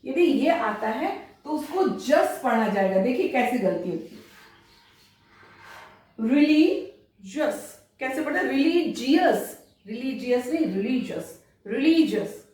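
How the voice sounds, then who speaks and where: A woman teacher giving a lesson, explaining step by step and repeating example words slowly. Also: on the high side, big pitch swings, a little mellow. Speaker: English teacher. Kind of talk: classroom-style lesson. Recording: distant mic in a very echoey room.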